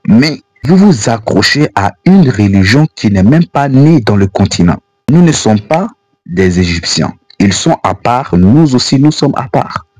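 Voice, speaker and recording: Narrating for an Islamic channel, an African man whose first language isn't French speaks in a lowish, husky voice with a darkish tone. The religious voice-over is earnest and admonishing, and the recording has no room sound.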